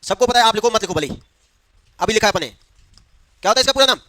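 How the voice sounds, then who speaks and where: Man, teacher, classroom lecture, quizzing students, bright voice, dry close sound. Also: high voice, animated, fast talker, dry recording. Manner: quizzes the class, answers his own questions.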